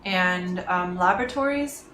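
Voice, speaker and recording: A business reporter appearing as a guest explains the news in casual conversation. She has a somewhat low voice and an unhurried pace, sounding thoughtful and hesitant with frequent ums, in an echoey room with faint noise.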